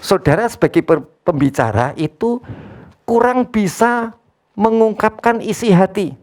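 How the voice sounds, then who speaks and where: A pastor preaching an online sermon in an easygoing, talky style. The speech comes in short phrases, often closed with a questioning "ya", with frequent direct address to the listeners as brothers and sisters. The pitch sits at an ordinary middle level. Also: lively intonation, a little slow, darkish tone.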